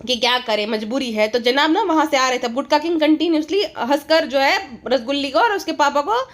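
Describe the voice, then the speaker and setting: A woman's voice: high-pitched, lively intonation, brisk. A woman giving sarcastic, mocking commentary on another vlogger. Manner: mocking, scornful, laughs at her subject.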